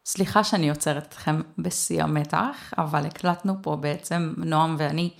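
A woman hosting a podcast, talking calmly and conversationally. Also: low-pitched, creaky. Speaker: podcast host. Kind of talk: casual podcast talk.

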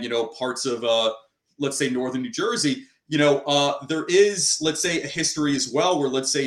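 In a roomy-sounding recording, an interview host speaks with a medium-pitched, fairly bright voice. His turns are long and rambling, filled with plenty of "you know" fillers.

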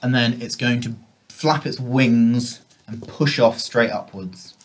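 A man's voice: mid-range voice, slow. A man acting as game master, refereeing a tabletop game in casual, sweary talk. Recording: music behind the voice.

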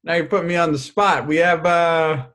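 A man co-hosting a casual podcast, lively and wry, moving the segment along. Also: on the high side, moderate pace. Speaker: podcast co-host. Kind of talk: casual chat.

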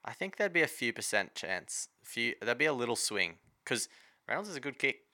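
A man's voice: mid-range voice, big pitch swings, a little fast, sharp tone, no room sound, clean studio sound. An Australian man co-hosting a sports podcast, chatting casually about rugby league in a blokey, slangy, opinionated way.

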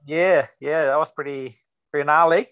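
This podcast co-host is a young man from Singapore whose accent mixes Singaporean and New Zealand tones. He speaks at a moderate pace in a smooth, slightly bright, fairly high voice with fairly even intonation and no room sound, keeping the chat laid-back, jokey, and heavy on bro slang.

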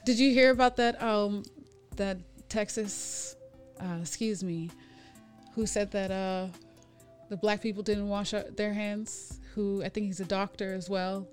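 A woman co-hosting a casual podcast chat, relaxed and talkative, pausing with "um" and "excuse me". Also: mid-range voice, faint music behind. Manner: relaxed, chatty, with frequent "um" and "excuse me" pauses. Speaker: podcast co-host.

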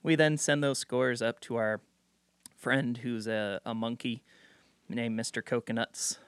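Bright-voiced joking podcast man. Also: mid-range voice, measured pace, clean tone, no room sound, studio quality. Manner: joking, teasing, animated. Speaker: podcast co-host. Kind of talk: casual chat.

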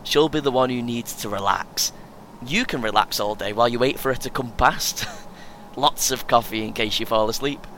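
In an audio play, a male actor voices a cocky, earnest young British amateur marathon runner, a chatty, boastful know-all eager to give advice. His average-pitched voice has a bright edge, moderate pace and light acting, and he chuckles often in a keen, self-important way. A faint vehicle rumble and coach ambience run underneath.

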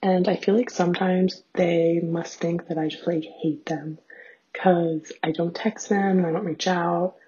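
A young adult woman with a raspy voice and vocal fry, chatting casually in a rambling, self-deprecating solo diary full of fillers. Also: fairly low pitch, steady tone, measured pace, warm tone, a little hiss or hum. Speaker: host of a personal audio diary. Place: small bathroom at home, sitting on floor. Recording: dull, lo-fi home recording.

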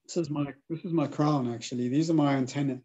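A man's voice: on the high side, steady tone, quick pace, lo-fi sound. A man hosting a spiritual conversation, earnestly agreeing and musing about energy and healing. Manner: soft affirming backchannels, earnest. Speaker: podcast host.

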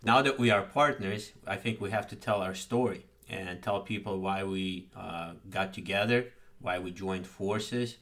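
A middle-aged man, introducing himself as a podcast co-host in an earnest, wordy, halting way. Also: sits low, fairly bright tone. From Baku, Azerbaijan. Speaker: podcast co-host, business consultant.

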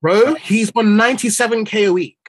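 A young Chelsea fan on a football podcast panel rants in exasperation during casual banter, using an urban London accent and street slang. His high voice is brisk with a breathy edge, captured in clean studio sound without echo.

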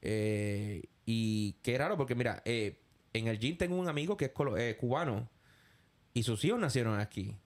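A man's voice: medium pitch, expressive, normal speed. A man from Puerto Rico with a Puerto Rican accent, hosting a casual podcast interview. He rambles, repeats words and drops English fillers into his talk. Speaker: podcast host.

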